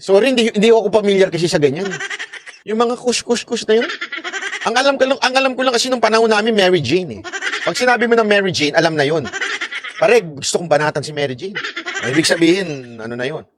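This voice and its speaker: Filipino guy live streaming politics, high voice, jokey and mocking, keeps laughing, faint noise behind. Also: lively intonation, fast. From Philippines. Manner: joking and mocking, laughing often, acting out quoted lines. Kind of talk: casual live-stream commentary.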